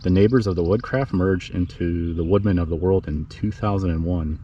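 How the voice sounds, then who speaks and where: A man talking quietly, as if not to wake anyone, giving a casual narrated history tour outdoors. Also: low voice, normal speed. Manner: hushed, speaking quietly so as not to wake the neighbours. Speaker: vlog host narrating cemetery history. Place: outdoors in a small neighbourhood cemetery. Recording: slightly muffled, outdoor background noise.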